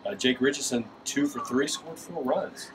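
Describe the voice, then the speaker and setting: A man's voice: medium pitch, normal speed. A middle-aged man interviewing a coach after a game, encouraging and upbeat, from a press box. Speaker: sports broadcaster interviewing coach. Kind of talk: postgame interview. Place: press box above a lit ballfield at night. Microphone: headset mic. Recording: distant mic with background noise.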